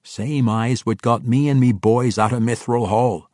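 A gruff, boastful dwarf warlord voiced by a man barks out his plans in blunt, rough common speech, pitched well above the reader's own low tone and pushed louder. The reading is dry and close. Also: steady tone, a little slow, no echo, natural voice.

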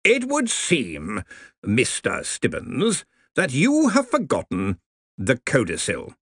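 A man voicing a pompous, hearty older head wizard who drawls slowly. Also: medium pitch, sing-song, fairly bright tone, dry recording, clean studio sound, voice pushed up. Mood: jovial. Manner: slow, beaming, drawn-out delivery.

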